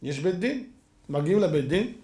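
High-voiced, gravelly male rabbi, emphatic preacher, echoey hall. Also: expressive, noisy background. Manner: emphatic, rhetorical questions, acts out stories. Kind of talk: sermon.

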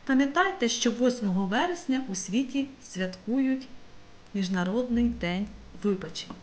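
A woman teacher narrating a scripted lesson, speaking directly to her students with clear instructions. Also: on the high side, lively intonation, moderate pace, a little hiss or hum. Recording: loud background guitar music. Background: loud guitar music.

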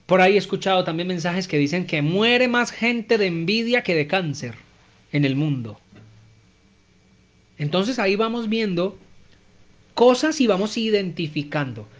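A man's voice: high voice, expressive, measured pace, long pauses, highs cut off. A man giving a conversational Bible teaching, often checking in with his listeners and acting out everyday speech to make his points.

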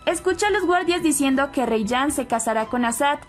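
A woman recounting a soap-opera episode scene by scene, in a plain and steady storytelling voice. Her pitch sits fairly high. Faint music runs underneath the whole time. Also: moderate pace. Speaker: narrator.

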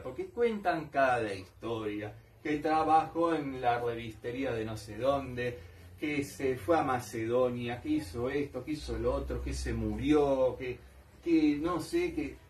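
A man's voice: medium pitch, recorded from a distance. Argentine guy rambling on, repeats himself, nostalgic, sits back from the mic. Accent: Argentine Spanish. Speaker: collector vlogger. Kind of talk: casual rambling monologue.

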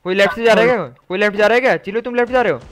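A hoarse young man live-streaming a shooter game, calling out moves to his squad and chatting to viewers. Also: sits high, very fast. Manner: excited shouted callouts, chatty asides to viewers. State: hoarse, throat going sore. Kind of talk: casual gameplay chat with squad and viewers.

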